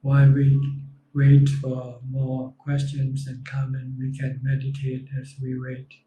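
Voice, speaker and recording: Thai-accented male monk, live Q&A, very flat dark delivery, slow, dull roomy recording. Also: mid-range voice, far from the mic. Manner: slow, calm, reads viewer comments aloud. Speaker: monk answering questions. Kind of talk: live Q&A reading comments. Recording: dull lo-fi sound in a roomy space.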